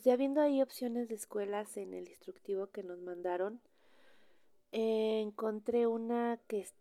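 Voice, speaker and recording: Mexican woman, middle-aged, chatty storyteller who slips into whispers, slightly high and mellow. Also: creaky, no room sound. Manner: chatty, animated, drops into whispers. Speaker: trucker's wife sharing experiences. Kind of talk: casual storytelling to other wives.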